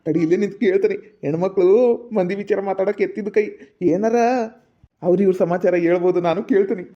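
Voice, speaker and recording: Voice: mid-range voice, fairly even intonation, fast talker, muffled recording, natural voice. A performer with a North Karnataka accent playing a worried village husband who mutters fretfully to himself. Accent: North Karnataka Kannada. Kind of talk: comedy skit acting.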